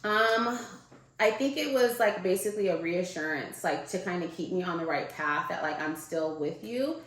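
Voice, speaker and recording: A woman guest telling a personal story in casual conversation, bringing the people she quotes to life in a higher voice. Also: expressive, normal speed, fairly bright tone, echoey room.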